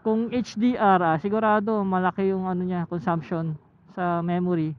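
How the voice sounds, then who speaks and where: Talking through his motorcycle helmet intercom headset as he rides outdoors, a Filipino-accented motovlogger reviews camera gear. His mid-range voice is flat, and he thinks aloud casually in brief, halting phrases. Road noise and a tinny mic color the sound.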